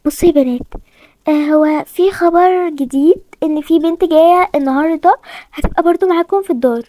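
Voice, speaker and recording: A woman with an Egyptian accent voicing an adult orphanage supervisor who speaks slowly and instructively. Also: extremely high pitch, warm tone. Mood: instructing. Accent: Egyptian Arabic.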